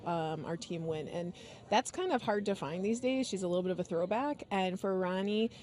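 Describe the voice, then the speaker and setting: A woman's voice: on the low side, normal speed, a little mellow, slight background noise. A middle-aged woman, a basketball head coach, talking casually in an interview with frequent fillers and jokes. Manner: joking, chatty, many fillers.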